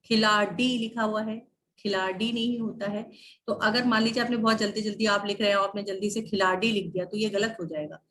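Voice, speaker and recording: A woman teacher explaining spelling and pronunciation in a recorded lesson, drawing out each example word slowly. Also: mid-range voice, steady tone, fairly bright tone, a little hiss or hum. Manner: slow, drawn-out enunciation of example words. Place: online class video.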